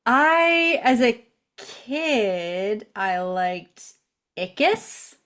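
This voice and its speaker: A woman's voice: on the high side, very slow. Giggly woman co-hosting a podcast. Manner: giggly and animated. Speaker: podcast co-host. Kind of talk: casual chat. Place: studio.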